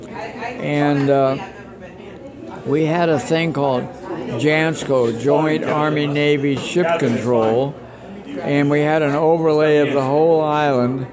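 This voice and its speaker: Elderly man on a crowd-noisy, low-quality recording. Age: 90s. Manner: plain-spoken, halting storytelling. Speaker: war veteran interviewee. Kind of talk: oral history recollection. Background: crowd chatter.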